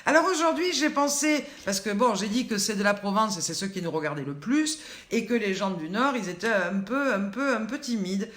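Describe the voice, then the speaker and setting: Talking straight to her viewers by name, an older online host with a Southern French accent jokes through a relaxed live cooking chat. She speaks at a moderate pace in a mid-range, slightly bright voice with lively intonation, and the room echoes.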